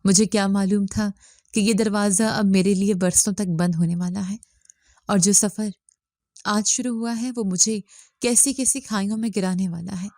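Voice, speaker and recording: Mellow-voiced woman storyteller. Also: medium pitch, dry recording, clean studio sound. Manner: steady, dramatic storytelling. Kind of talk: scripted narration.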